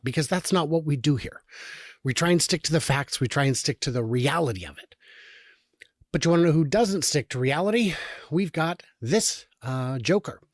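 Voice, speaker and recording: A man delivers political commentary in a sarcastic, exasperated tone and often breaks off mid-sentence to restart. His voice sits at an ordinary middle pitch for a man. The recording is dry and close, with no room sound. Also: no room sound. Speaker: show host. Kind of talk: political commentary reading and reacting to articles.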